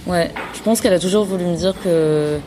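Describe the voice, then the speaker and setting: Low-voiced woman talking thoughtfully. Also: fairly quick. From France. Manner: thoughtful, many fillers and restarts. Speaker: guest. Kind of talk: casual conversation.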